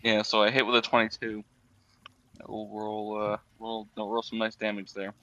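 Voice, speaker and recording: A man's voice: fairly low pitch, monotone, moderate pace, sharp tone. Hesitant man with muffled lo-fi audio. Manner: hesitant, filler-heavy, sheepish. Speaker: player. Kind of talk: tabletop game play. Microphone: online call microphone.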